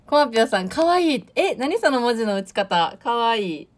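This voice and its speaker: A woman's voice: on the high side, very animated, normal speed. A young woman in her late teens from Tokushima with a Kansai accent and a touch of Awa dialect, chatting casually on a livestream and reading out viewer comments with a bubbly, laughing manner. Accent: Kansai Japanese with Awa dialect touches. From Tokushima, Japan. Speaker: idol audition livestreamer.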